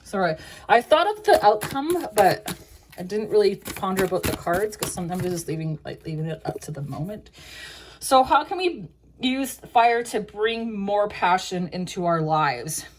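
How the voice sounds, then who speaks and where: A woman's voice: mid-range voice, expressive, normal speed. A young woman giving a casual tarot reading, rambling with many fillers, laughing often and swearing now and then. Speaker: tarot reader.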